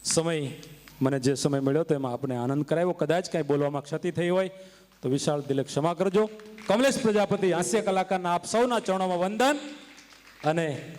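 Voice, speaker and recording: A man with a Kathiawadi Gujarati accent telling stories from a stage, oratorical and emphatic, building to forceful declarations. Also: fairly high pitch, a little fast. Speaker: stage comedian and storyteller. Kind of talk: live folk stage storytelling. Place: stage before an audience. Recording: reverberant live stage hall.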